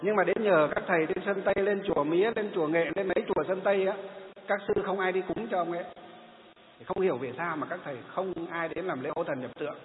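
A male Buddhist monk tells a story in a sermon, animated and fond of repeating himself. His voice sits a little high. It comes through thin and phone-like, ringing in a reverberant hall. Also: fast talker, a little hiss or hum. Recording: tinny phone-like sound in an echoey hall.

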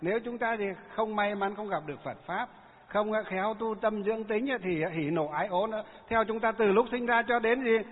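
A man's voice: high-pitched, normal speed, husky. A man giving a Buddhist sermon as a monk. He often asks his listeners rhetorical questions and then answers them himself. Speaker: Buddhist monk teaching lay followers. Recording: echoey hall over a tinny phone-like line.

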